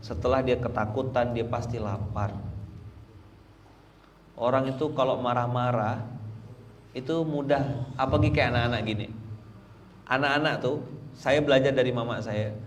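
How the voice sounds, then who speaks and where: A middle-aged man preaching a dawn sermon, joking and swinging between loud and hushed. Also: medium pitch, fairly even intonation, normal speed, pauses often, a little hiss or hum. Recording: distant mic with faint ambience.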